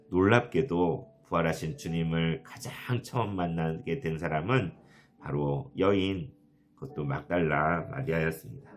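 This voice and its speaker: A man preaching a sermon as a pastor, earnest and soft, often asking the listeners questions. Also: sits low. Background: soft guitar music.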